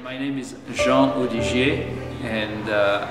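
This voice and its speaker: An older man from France, a professor introducing himself unhurriedly with small pauses. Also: medium pitch, steady tone. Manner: unhurried, pausing with fillers. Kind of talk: brief self-introduction. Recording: echoey hall from far off, loud music.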